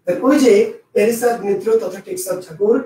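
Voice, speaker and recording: A man's voice: high voice, fast talker, dark tone. A man teaching an exam prep lesson, repeating key answers and quizzing his students aloud. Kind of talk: lecture. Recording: echoey room, mic at a distance.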